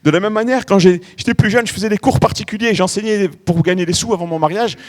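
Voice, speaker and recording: A man's voice: high voice, fast talker. A middle-aged man preaching a sermon in a church, telling stories with lots of energy and drawing out key words. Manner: animated storytelling preacher, stretching key words. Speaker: pastor.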